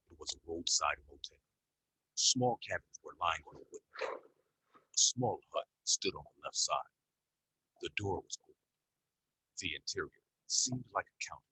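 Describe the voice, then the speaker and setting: A man's voice: low-pitched, pushed and bright, slight background noise, rough recording. A man narrating a horror story in a dramatic storytelling manner. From Sri Lanka.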